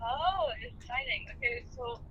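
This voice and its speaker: A woman's voice: high voice, lively intonation, unhurried, slight background noise. A young woman on a phone call played over speaker, chatting casually and rambling with lots of fillers. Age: young adult. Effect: heard over a phone on speaker. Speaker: phone-in guest. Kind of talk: casual storytelling. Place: outdoors in the rain. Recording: muffled phone speaker audio.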